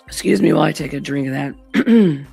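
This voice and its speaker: A woman with a hoarse, gravelly voice, losing it to laryngitis, hosting a casual live stream in a blunt, sweary manner. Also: low voice, moderate pace, dark tone, faint music behind.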